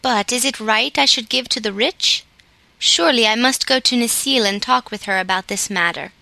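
A woman doing a gentle, kindly toymaker. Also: fairly high pitch, normal speed, gravelly, dry recording. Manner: gentle, thoughtful.

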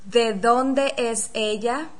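A woman teaching a pronunciation lesson, saying model sentences slowly and carefully so they can be repeated. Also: on the high side. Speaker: language teacher. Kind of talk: slow, clearly articulated pronunciation drill.

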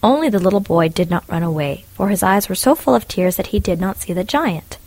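A woman calmly narrating a fairy tale in a measured storytelling manner. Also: medium pitch, no room sound. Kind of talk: storybook reading.

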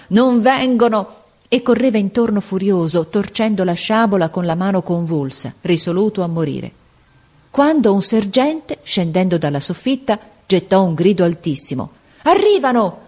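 Female narrator, low-pitched, measured dramatic storytelling of a literary tale. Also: a little mellow.

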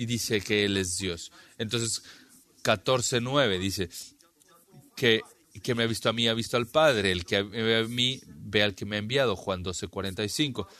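A man's voice: mid-range voice, a bit bright. A man teaching a Bible class, explaining passages and reading scripture aloud with frequent restarts.

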